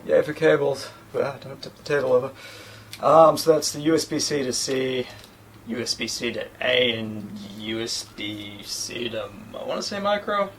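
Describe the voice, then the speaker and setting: A tech reviewer with a New Zealand accent, in his thirties, chats his way through a gadget unboxing, rambling a bit and joking at his own expense. His medium-pitched voice is fairly bright at a moderate pace, with a little hiss or hum, recorded by a camera mic a few feet away in a small room against a plain sheet.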